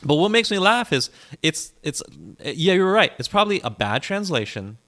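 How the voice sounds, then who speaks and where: Pitched high and sing-song, this native English speaker's bright, forceful voice moves at a normal pace as he co-hosts a casual podcast. He's full of opinions and tends to ramble, circling back over points and restarting sentences again and again.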